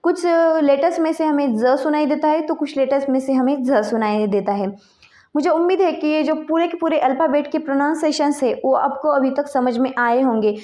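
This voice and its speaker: A woman teaching an English pronunciation lesson, slowly listing example words one by one. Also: sits high, dark tone.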